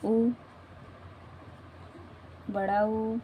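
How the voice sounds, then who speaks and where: A woman's voice: on the high side, flat delivery, very slow, phone-quality sound, a little hiss or hum. A woman teaching a grammar lesson, repeating herself and often checking that the class follows. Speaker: Hindi teacher.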